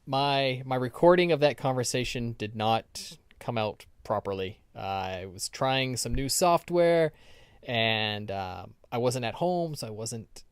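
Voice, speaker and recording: A man's voice: mid-range voice, smooth, no echo. A man co-hosting a podcast in casual chat, rambling through stories with ums and restarts. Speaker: podcast co-host.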